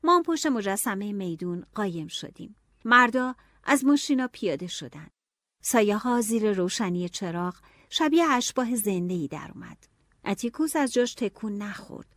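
A woman narrating an audiobook in a steady storytelling manner. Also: medium pitch, no echo, studio quality.

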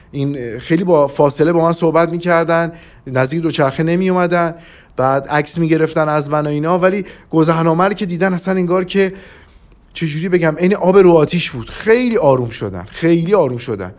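Male podcast storyteller, a touch high-pitched, rambling and hesitant as he recounts a trip. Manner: rambling, with frequent hesitations and restarts. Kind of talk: casual first-person travel storytelling.

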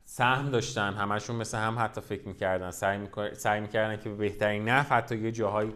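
A man hosting a podcast, telling a brand's history in a casual, lively storytelling way with rhetorical questions. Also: fairly low pitch. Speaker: podcast host.

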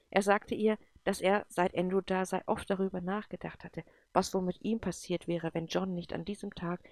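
Low gravelly woman reading a story. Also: dry recording. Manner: calm, even reading.

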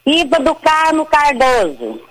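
Caller voice: older woman on a phone line, high-pitched, rambling and insistent. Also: huge pitch swings, a little slow, fairly bright tone. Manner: rambling and insistent, repeats herself. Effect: heard over a phone line. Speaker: caller to a radio show. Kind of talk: call-in complaint.

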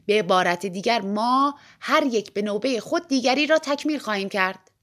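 A woman's voice: mid-range voice, expressive, a bit bright, lightly acted. A woman voicing a tiny male engineer who jokes theatrically and speaks with mock solemnity. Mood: mock-earnest. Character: tiny jesting male engineer, showy and playful.

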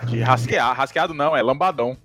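A man's voice: mid-range voice, a little fast, over music. A man with a Brazilian accent chatting casually and comedically in informal, slangy speech, as on a podcast.

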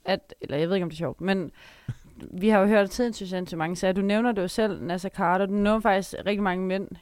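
A woman's voice: mid-range voice, steady tone, a little mellow, clear, resonant tone, no echo, studio quality. A woman chatting casually on a podcast, talkative and laughing often.

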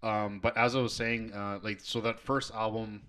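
A man's voice: on the low side, level tone, moderate pace, sharp tone. A man co-hosting a podcast in casual chat, enthusiastic and rambling as he talks. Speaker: podcast co-host.

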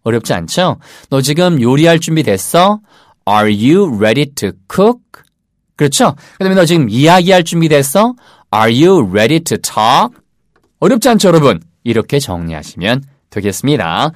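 A man with a Korean accent teaching English in a casual lesson, drilling phrases slowly and rhythmically. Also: medium pitch, big pitch swings, no room sound, studio quality.

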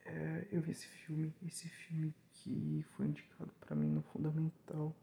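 A young Brazilian man whose hoarse voice is giving out, rambling casually and informally as a solo podcast host. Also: on the high side, monotone, a little slow, warm tone. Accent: Brazilian Portuguese. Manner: informal, slangy, digressive.

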